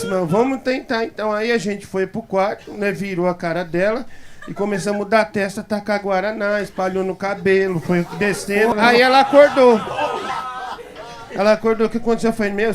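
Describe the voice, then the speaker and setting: A man telling a comic anecdote as a guest on a talk show, animated and chuckling as he acts out the quoted voices of others. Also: high voice. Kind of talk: comic anecdote told to a live audience. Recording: live talk show with audience laughter. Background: studio audience laughter.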